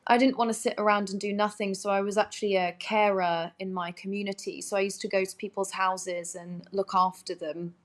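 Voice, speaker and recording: A woman's voice: medium pitch, little pitch movement, brisk, hardly any pauses. A woman with a Surrey, Home Counties English accent chatting as a guest in a casual interview, gushing and a little self-effacing. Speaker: interview guest, musical theatre performer.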